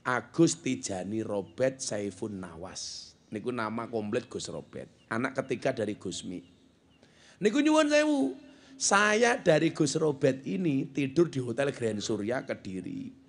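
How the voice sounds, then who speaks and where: A man delivers a joking sermon to a gathering. He sits in an ordinary middle pitch and keeps slipping into mock voices for the people in his anecdotes. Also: very animated, a little slow. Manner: joking, mixes Javanese with Indonesian, acts out the people in his stories. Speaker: Islamic preacher. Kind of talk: humorous sermon at a religious gathering.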